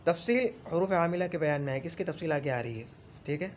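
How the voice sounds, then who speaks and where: Patient male grammar teacher, higher voice. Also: soft background music. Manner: recites rule lists slowly and repeats them; explains patiently with frequent check-ins. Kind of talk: classroom grammar lesson.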